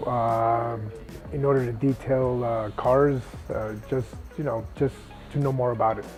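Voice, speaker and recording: Mellow-voiced, hesitant man. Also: mid-range voice, steady tone, unhurried, soft background music. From Queens, New York. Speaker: seminar student. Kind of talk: testimonial interview.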